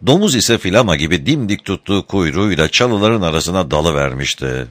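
Deep-voiced man reading an audiobook. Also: a little fast, dry recording. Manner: expressive storytelling. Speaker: narrator. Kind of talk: scripted audiobook narration.

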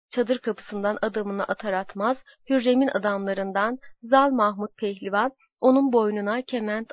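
A woman narrating a historical story in a slow, dramatic and measured way. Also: mid-range voice, no room sound. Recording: dull lo-fi dry recording.

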